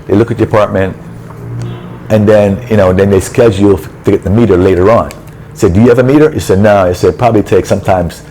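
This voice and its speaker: A travel vlogger with a lowish voice talks fast in a poor-quality recording with a little hiss or hum. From an apartment building in a city, he unloads an exasperated story, acting out quoted exchanges with animated energy.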